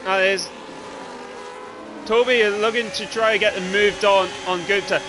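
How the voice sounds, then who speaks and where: A man's voice: high-pitched, steady tone, normal speed. A man doing live race commentary on a livestream of a sim racing event. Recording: clearly noisy, engine noise behind.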